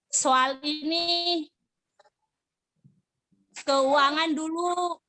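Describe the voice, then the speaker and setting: A woman's voice: high-pitched, steady tone, extremely slow, pushed and bright. A woman sharing a personal faith testimony in casual talk over a video call, earnest and emotional, often repeating her phrases. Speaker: church member sharing testimony.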